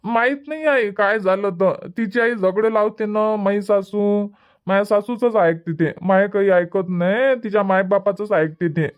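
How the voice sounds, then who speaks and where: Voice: medium pitch, unhurried, smooth, lo-fi sound, natural voice. A voice actor playing a pleading, henpecked grown son in a cartoon comedy, with a whiny manner. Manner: pleading, whiny, soft-spoken.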